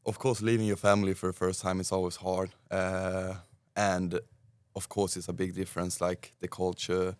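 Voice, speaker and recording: A twenty-year-old Swedish man speaking English with a Swedish accent, answering interview questions in a relaxed, hesitant way. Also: low voice, moderate pace, clean tone, no room sound. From Sweden. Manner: relaxed, hesitant phrasing with many fillers. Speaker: guest soccer player.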